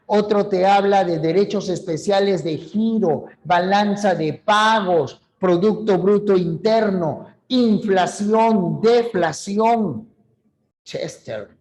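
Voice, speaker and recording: A high-pitched man gives an online language lesson. He talks in an unhurried, deliberate way and explains terms to his students one by one. He addresses them directly, as if they were in the room with him. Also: a little mellow. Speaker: language teacher. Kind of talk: online class lecture.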